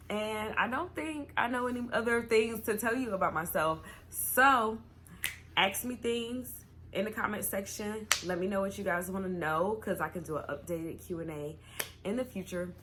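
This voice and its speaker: A young woman talks casually to her viewers in a deep, bright voice. She sounds tipsy and giggly, rambling loosely through her thoughts. The recording carries clear background noise. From North Carolina, United States. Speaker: YouTuber host. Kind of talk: casual chatty Q&A vlog.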